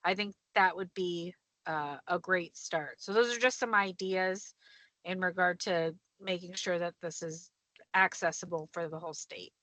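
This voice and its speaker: A woman speaking at a council meeting over a call from her car while driving, apologetic and quick to clarify herself. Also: lowish voice, sharp tone, dry recording. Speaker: state senator on a council call. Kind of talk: meeting discussion.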